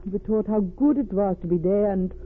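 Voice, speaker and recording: In vintage radio drama, a woman plays a distraught refugee wife haunted by a smuggler's crime, recounting her ordeal in a medium-pitched voice. The acting is light, wistful and sorrowful, with foreign word order and grief in every pause. The sound is narrow and tinny with a light layer of noise.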